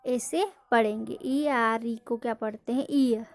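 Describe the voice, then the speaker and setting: Slow, high-voiced woman teaching. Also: fairly even intonation. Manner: slow, drilling, asks questions then answers them. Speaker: English pronunciation teacher. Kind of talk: classroom-style lesson.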